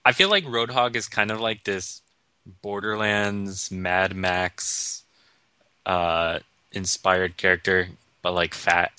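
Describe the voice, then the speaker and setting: A man's voice: low-pitched, steady tone, slow pace, pushed and bright, clear, resonant tone, no room sound. A man chatting casually about a video game, easygoing and hesitant with fillers. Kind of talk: casual gaming chat.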